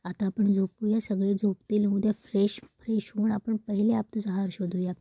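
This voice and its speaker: A woman reading the lines of a gentle young father coaxing his little daughter to sleep. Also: medium pitch, flat delivery, moderate pace, husky, no room sound, lo-fi sound. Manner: coaxing, plainly read.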